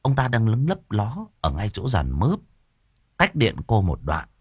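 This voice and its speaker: Man, audiobook narrator, husky, dry recording. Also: on the low side, unhurried, dry recording. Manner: lively expressive storytelling.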